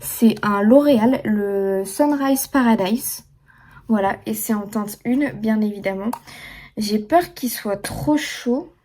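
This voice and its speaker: A woman's voice: fairly high pitch, slow, dark tone. A young woman chatting casually through a makeup tutorial, full of fillers and restarts. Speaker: beauty vlogger.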